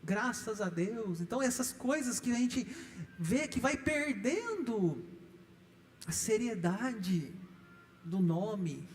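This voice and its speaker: A man's voice: extremely high pitch, expressive, slow, pauses often. A middle-aged male pastor with a Brazilian Portuguese accent, preaching emphatically in a church, stressing points with rising repeated lists. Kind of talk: sermon teaching. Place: church hall. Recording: echoey church hall.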